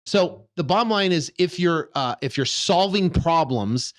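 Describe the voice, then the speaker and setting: A man co-hosting a real estate coaching pitch, speaking emphatically and using rhetorical questions. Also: animated, measured pace. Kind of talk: sales pitch, co-host.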